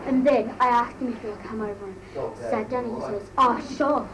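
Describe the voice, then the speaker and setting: Over crowd noise, a woman speaks in her natural voice, fairly high, steady in tone and moderately paced, doing an amateur comic impression of a bratty, gossipy Australian teenage schoolgirl "mole." Breathless and drawling, she shares mortified, slangy, embarrassed gossip. It's a noisy amateur recording with the mic far away.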